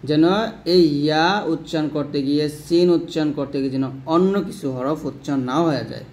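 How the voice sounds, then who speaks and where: A man's voice: on the high side, brisk, a little mellow. A man teaching Quran recitation, patiently repeating and stretching out sounds to show each one. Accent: Bangladeshi Bengali. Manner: patient, repeats and drags out sounds to demonstrate them. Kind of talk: spoken lesson.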